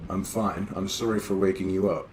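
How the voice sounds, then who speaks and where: A man's voice: low voice, level tone, a little fast, noisy background, natural voice. A man voicing a tired but teasing young woman in a read-aloud horror story.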